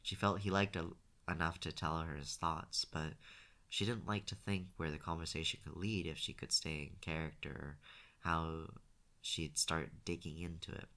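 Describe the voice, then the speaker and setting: A man reading a novel aloud as an audiobook, in a steady voice with small restarts. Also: rumbling low, moderate pace. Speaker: audiobook reader.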